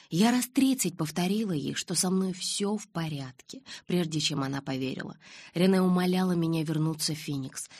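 A woman's voice: on the low side, a little mellow, breathy edge, no room sound. A woman narrating an audiobook in the first person and reading the dialogue lines herself.

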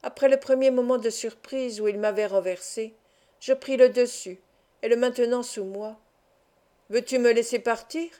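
Femme lisant un roman, voix douce. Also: female voice, a little high, steady tone, normal speed, mellow. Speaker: audiobook reader. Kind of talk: literary audiobook narration.

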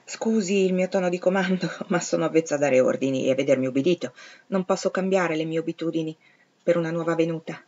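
Woman reading as a commanding middle-aged gentleman, curt, imperious, lowish voice, dull lo-fi sound. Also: fast. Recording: slightly dull lo-fi recording.

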